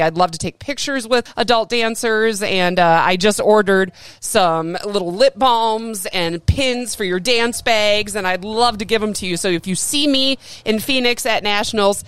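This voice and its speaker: With a lowish, clear and resonant voice and no room sound at all, this podcast host delivers a solo monologue. She's chatty and upbeat, laughs a lot, and carries the relaxed confidence of someone who used to work in radio.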